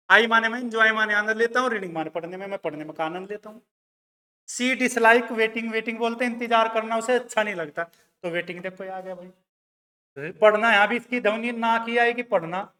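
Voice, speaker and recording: A man's voice: high voice, a bit bright, in a large hall. A man teaching a grammar lesson. He explains step by step, repeats key words and calls his students "bhai" and "beta". He reads examples.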